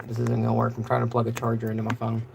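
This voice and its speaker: Casual male fishing host, gravelly and monotone, rambles on with fillers during a live stream. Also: mid-range voice, racing, very noisy.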